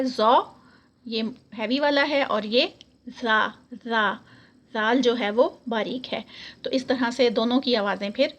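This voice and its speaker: A woman with a slightly high voice teaches an online Quran recitation lesson, patiently and slowly repeating the sound of each letter.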